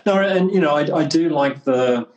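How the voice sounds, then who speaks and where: A man's voice: fairly high pitch, moderate pace, a little mellow, poor audio. A man hosting a casual podcast, friendly and rambling, often restarting his sentences. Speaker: podcast host, clinic representative.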